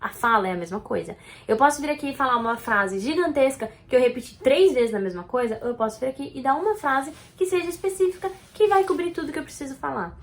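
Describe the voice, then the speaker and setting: Brazilian woman, slightly high voice, expressive direct-address tutorial host. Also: quick pace. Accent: Brazilian Portuguese. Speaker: video editor giving on-camera tips.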